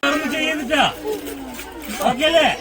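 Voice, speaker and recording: Very high-voiced man quizzing children outdoors. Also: fairly even intonation, brisk. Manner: playful, keeps quizzing the kids with questions; raises voice to be heard over the children. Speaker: farm guide teaching schoolchildren. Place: outdoor duck farm. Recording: loud crowd of children and outdoor noise. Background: loud chatter of many children outdoors.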